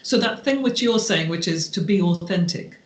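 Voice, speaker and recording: A woman guest on a podcast, telling stories slowly and deliberately in a heartfelt, reflective way. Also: lowish voice, animated. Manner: slow, deliberate, heartfelt delivery. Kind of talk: reflective storytelling in conversation. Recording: roomy echo.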